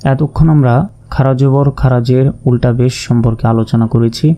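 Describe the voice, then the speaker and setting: A man's voice: mid-range voice, steady tone, normal speed, lo-fi sound. A man teaching Quran reading, drilling letter and vowel-sign sounds one by one and warning about common pronunciation mistakes. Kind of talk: step-by-step recitation lesson.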